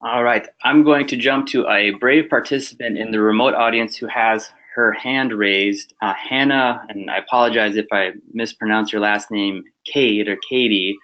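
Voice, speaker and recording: A man's voice: lowish voice, fairly even intonation, normal speed, few pauses, fairly bright tone, highs cut off. Friendly male webinar moderator. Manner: friendly, reads out questions.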